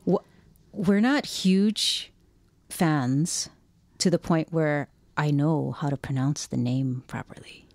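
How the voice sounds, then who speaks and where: A woman's voice: low-pitched, takes it slowly, a little mellow, no echo, soft background music. A woman from Japan co-hosting a podcast in a musing, hesitant casual chat. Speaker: podcast co-host.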